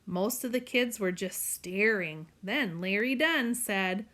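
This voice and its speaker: A woman's voice: medium pitch, animated, slow, fairly bright tone. A woman narrating a novel in the first person, in an earnest storytelling tone. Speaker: audiobook narrator.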